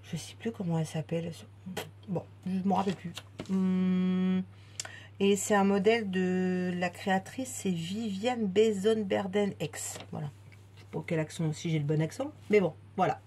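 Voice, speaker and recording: Chatty woman unboxing crafts, lowish voice. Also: warm tone, slight background noise. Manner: chatty, lots of fillers and restarts. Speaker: craft vlogger. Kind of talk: casual unboxing chat.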